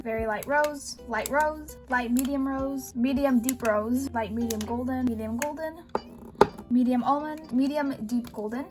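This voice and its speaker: A woman with a cold talks through her drawing in a casual, gushing way, clearly enjoying the process. Her voice sits a little high. Soft music plays faintly underneath. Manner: bubbly and gushing. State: has a cold. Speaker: art vlogger. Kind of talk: casual voice-over narration of a drawing.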